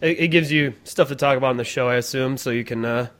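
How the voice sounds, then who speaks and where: A man's voice: medium pitch, quick pace, a bit bright. A man hosting a podcast, joking and laughing in casual chat with stammers. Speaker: podcast host.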